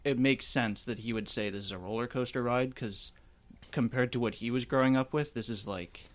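A man's voice: mid-range voice, normal speed. A man co-hosting a casual film podcast in an attic, hesitant and thinking aloud as he goes. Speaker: podcast co-host. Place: indoors in a chilly attic.

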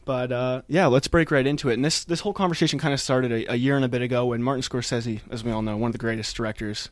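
A man's voice: medium pitch, steady tone, quick pace, dry recording. A man hosting a casual film discussion podcast, talkative and conversational, recorded in an attic. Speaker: podcast host. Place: indoors in a chilly attic.

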